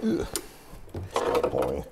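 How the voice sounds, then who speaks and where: A man's voice: slow pace, background noise. A man hosting a car-repair video, chatting and joking as he works in a workshop. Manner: chatty, jokey, thinking aloud. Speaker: channel host. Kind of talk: casual workshop chat. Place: garage workshop.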